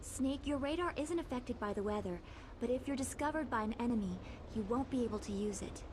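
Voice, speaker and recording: A woman's voice: fairly high pitch, animated, a little fast, natural voice. A woman voicing an eager, polite young female tech specialist in an overacted anime-dub style for a video game. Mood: earnest, instructive. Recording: clear background noise.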